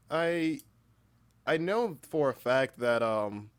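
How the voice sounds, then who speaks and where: Drawing out his words in an expressive mid-range voice, a livestream host in his early twenties chats and tells stories in a playful, exaggerated, self-mocking way. The tone is clean, with no room sound.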